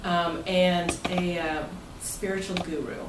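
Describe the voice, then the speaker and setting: Slow and lowish, with little pitch movement, a woman leads an informal presentation as her club's president. She talks conversationally with members gathered in an indoor meeting room. A distant mic captures a roomy, noisy space.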